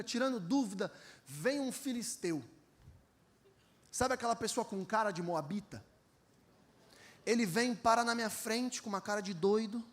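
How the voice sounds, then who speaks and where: A man from Brazil preaching a sermon, telling stories with acted-out voices and having the congregation repeat after him. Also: extremely high pitch. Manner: animated, acts out voices in his stories, calls on the congregation to repeat. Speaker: pastor. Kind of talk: energetic sermon with storytelling.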